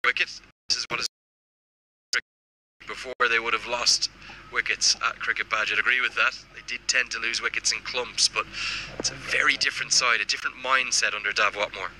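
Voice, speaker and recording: Male cricket commentator with a sharp, bright voice, reads viewer messages between deliveries. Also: medium pitch, fairly even intonation, fairly quick, slight background noise, low-quality recording.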